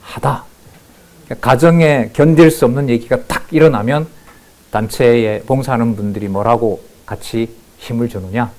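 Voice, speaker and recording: A male pastor giving a sermon, moving between calm scripture reading and loud, emphatic remarks. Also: mid-range voice, normal speed.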